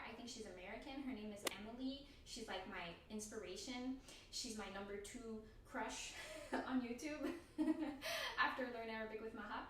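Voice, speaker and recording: A woman's voice: on the high side, a bit bright, very echoey, recorded from a distance, a little hiss or hum. A woman vlogger talking casually about learning to pronounce a language, laughing often and restarting her sentences; her first language is an Indo-European one. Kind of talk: casual talk to camera.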